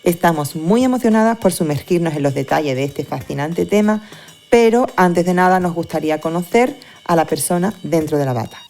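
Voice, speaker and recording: Low, mellow-voiced woman host. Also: expressive, a little fast, soft background music. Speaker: podcast host. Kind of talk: podcast interview.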